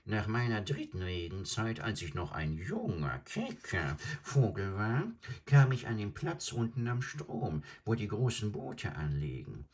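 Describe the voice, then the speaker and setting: A man voicing a proud, fussy male crane who croaks out pompous complaints. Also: fairly low pitch, sing-song, unhurried, a little mellow, voice pushed up, heavily acted.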